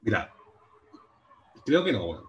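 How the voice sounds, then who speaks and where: A man's voice: lowish voice, very animated, takes it slowly, dull audio. A young man with a Chilean Spanish accent, co-hosting a podcast in casual banter, teasing and swearing. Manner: teasing, profane, laughing. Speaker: podcast co-host.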